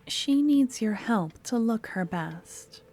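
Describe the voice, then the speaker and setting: A woman voices a sweet, obsessive student stalker for an ASMR roleplay, talking to the listener in a soft, coaxing, somewhat awkward way. Her fairly high voice has lively intonation and moves slowly, heavily acted, with a gentle, instructive mood.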